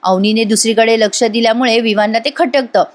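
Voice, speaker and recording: A woman's voice: on the high side, steady tone, fairly quick. A woman narrating a voice-over episode recap in a chatty storytelling manner, speaking to her viewers. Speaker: serial reviewer.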